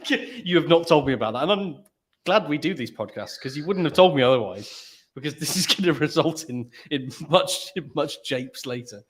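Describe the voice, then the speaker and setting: A man's voice: fairly high pitch, lively intonation, moderate pace. A British man in casual podcast chat, a rambling storyteller who laughs often. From Britain. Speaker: podcast co-host.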